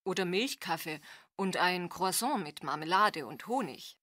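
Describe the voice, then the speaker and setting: Woman voicing a friendly market seller, language-lesson dialogue, lowish voice, very slow. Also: no room sound, studio quality. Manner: slow, even, clear delivery.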